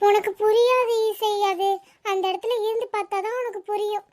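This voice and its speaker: A woman's voice: extremely high pitch, fairly even intonation, a little fast, darkish tone. A woman voicing a sulky schoolgirl, an older sister who feels overlooked and complains in a mopey way. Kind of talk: cartoon voice acting.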